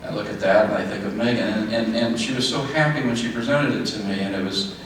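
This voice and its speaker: A middle-aged man giving a father-of-the-bride wedding speech in a halting way, repeating phrases and speaking in short sentences. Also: lowish voice. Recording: echoey, noisy room, distant mic.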